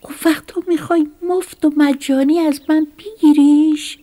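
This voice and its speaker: A woman's voice: deep voice, gravelly, husky, exaggerated voice. A woman voicing a small, hardworking mouse in a whispered role-play for a storybook tale, indignant and pleading.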